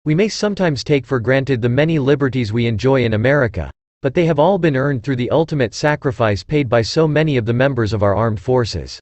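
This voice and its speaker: A man with a deep, firm voice reading motivational quotes as solemn, measured scripted narration. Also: animated, darkish tone, no echo.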